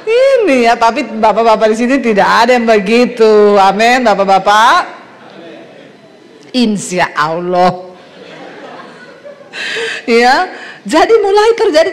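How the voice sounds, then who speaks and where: A woman's voice: a little high, sing-song, a little slow, pauses often. A middle-aged woman from Sulawesi, a pastor giving a humorous sermon to a congregation, telling stories and acting out quotes with laughter.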